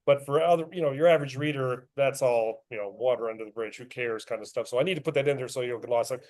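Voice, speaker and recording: This middle-aged man is an author at a club meeting, talking fast in a mid-range, slightly mellow voice. The talk is casual with questions, and he's chatty, self-deprecating, and quick to laugh.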